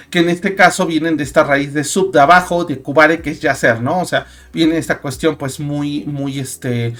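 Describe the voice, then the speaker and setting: A man's voice: fairly high pitch, fairly bright tone. A young man with a Mexican Spanish accent hosting a casual talk show, chatty and full of fillers and restarts. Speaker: host.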